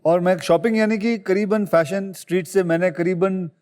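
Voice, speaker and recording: A middle-aged man as a chat show guest, telling a story with animated energy that climbs higher as he gets excited. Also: moderate pace, clean tone, long reverb tail. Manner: animated storyteller, rising high when excited.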